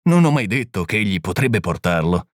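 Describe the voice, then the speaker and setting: A man's voice: fairly low pitch, very animated, moderate pace, dry recording, studio quality. Man reading as a mild, patient little priest. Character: small gentle priest-detective, calm and patient. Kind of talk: audiobook reading.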